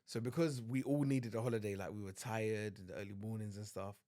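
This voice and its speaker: A young adult man co-hosting a podcast, recounting events in relaxed casual chat. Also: fairly low pitch, brisk. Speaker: podcast co-host.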